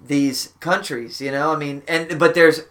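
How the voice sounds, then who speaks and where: Unhurried and fairly high-pitched, a male podcast host rambles through a casual chat in his backyard shack. He's lively and curses without restraint.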